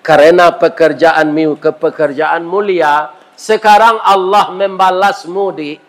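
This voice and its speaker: A man's voice: steady tone, a little slow. A man voicing a devout, grateful doctor who prays and speaks in a solemn, pleading tone. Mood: gentle, solemn. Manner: solemn, pleading prayer in a lowered voice.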